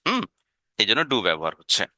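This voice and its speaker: A man's voice: fairly low pitch, wildly swooping pitch, a little fast, sharp tone, a little hiss or hum. A man with a Bengali accent teaching an English lesson, explaining sentences step by step and asking his listeners to look again.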